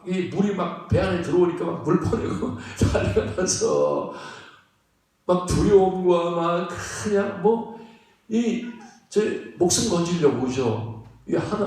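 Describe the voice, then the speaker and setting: A man's voice: on the high side, darkish tone. A male pastor preaching a sermon, conversational and emphatic, often asking the congregation rhetorical questions. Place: church sanctuary. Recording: echoey church sanctuary, distant mic.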